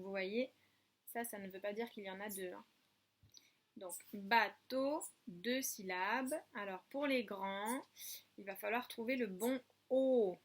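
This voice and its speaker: A woman with a French accent, teaching young children at home by video, speaking slowly and clearly and drawing out numbers and syllables. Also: medium pitch. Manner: slow, clear, drawn-out counting and syllable spelling. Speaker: preschool teacher.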